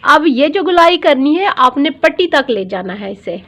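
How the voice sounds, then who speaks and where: A woman's voice: high voice, sing-song, moderate pace, fairly bright tone. A woman dress designer giving a patient step-by-step sewing tutorial, repeating each measurement and often checking in with her viewers. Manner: often checks in with "theek hai". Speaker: dress designer teaching pattern drafting.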